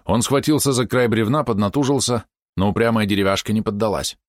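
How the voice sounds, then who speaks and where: A man narrating an audiobook in a measured, expressive storytelling manner. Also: fairly low pitch, no room sound, clean studio sound. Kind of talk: scripted narration.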